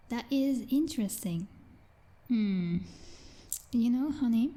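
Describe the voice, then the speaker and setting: Whispering very breathily in a mid-range voice, a woman performs a female vampire knight for an ASMR roleplay, coming across as jealous and condescending. She is slow, formal, and teasing, possessive and coldly domineering, with a mellow, dark tone and a hint of quiet menace.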